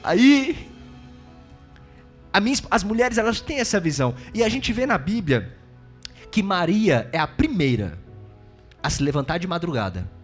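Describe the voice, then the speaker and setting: A man with a Brazilian accent preaching a sermon as pastor, shifting between loud exclaiming and hushed, intimate asides. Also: sits high, very animated, moderate pace, pauses often, soft background music. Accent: Brazilian Portuguese.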